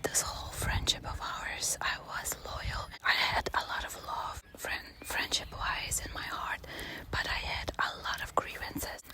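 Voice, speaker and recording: Woman whispering asmr storytime, super quiet like its night, casual and confiding. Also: unhurried, poor audio.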